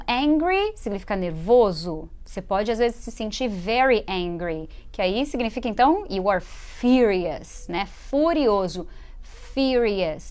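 Lively Brazilian woman teaching English. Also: on the high side. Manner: lively, drills words and asks viewers to repeat aloud. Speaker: English teacher and show host. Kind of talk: live online English lesson.

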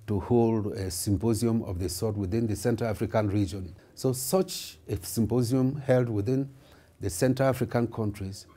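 A man's voice: lowish voice, dark tone. A middle-aged man from Cameroon, a lawmaker and lawyer, giving formal, reflective interview answers with frequent hesitations in an indoor office. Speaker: member of parliament and lawyer. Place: indoor office with wood paneling.

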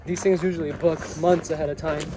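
A man's voice: a little high, flat delivery, quick pace, over music. Easygoing young man on a hiking vlog. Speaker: vlogger. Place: mountain trail outdoors. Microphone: partner's phone at arm's length.

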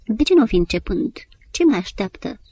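A woman's voice: medium pitch, big pitch swings, mellow, dull audio. A woman narrator voicing an aging male conductor, exclaiming and whispering in bewilderment. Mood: pleading.

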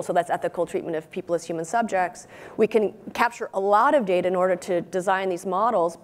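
A woman's voice: fairly low pitch, darkish tone. A woman in her forties speaking as a panelist on a conference stage, explaining at length with frequent "you know"s into a lapel mic. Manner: expansive, fluent explaining with many "you know"s. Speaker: panelist, robotics researcher.

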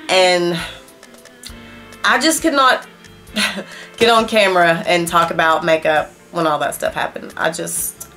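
A middle-aged beauty vlogger with a mid-range, slightly bright voice reviews makeup, talking straight to viewers in a chatty, emphatic way despite a nose stuffed up from a cold. She sits at a desk in a small room at home, facing a camera at desk distance.

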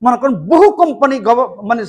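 Bangladeshi-accented man, 40s, high-pitched, fast, animated seminar talk, rhetorical questions, meeting room, lapel mic. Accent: Bangladeshi Bengali. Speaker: motivational speaker.

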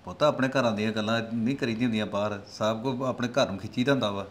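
A man's voice: fairly low pitch, steady tone, fast, natural voice. A man playing a middle-aged village father who coaxes his son and plots with his wife. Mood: scheming. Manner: coaxing, fatherly. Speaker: actor. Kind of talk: family drama skit.

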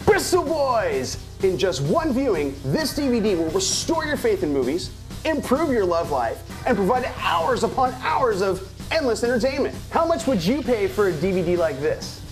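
A man delivers an infomercial sales pitch in an exaggerated, emphatic style. His intonation swings widely as he pushes the offer, with faint music underneath. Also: sing-song, moderate pace. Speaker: infomercial host. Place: small indoor room, speaking to camera.

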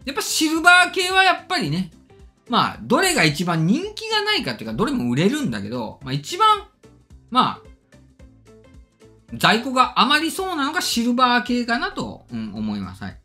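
A middle-aged man hosts a casual tech chat in a quick, very animated delivery that swings widely in pitch. His diction is slightly slurred from orthodontic braces, and he reads comments and replies politely with emphasis. Faint music plays behind him. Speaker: YouTube tech channel host. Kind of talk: casual chat, reading and answering viewer comments. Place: indoor studio or room, seated at desk.

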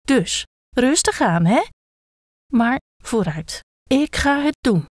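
A woman's voice: on the high side, expressive, slow, dry recording, studio quality. A woman voicing a timid male gecko who hedges and doubts as he gives away a wish. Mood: hesitant. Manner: hesitant, hedging, fussy.

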